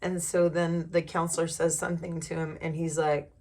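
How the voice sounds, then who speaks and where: Candid rambling woman vlogger, lowish voice. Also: level tone, moderate pace, a little mellow. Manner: candid, rambling with many fillers and restarts. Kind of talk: casual personal vlog.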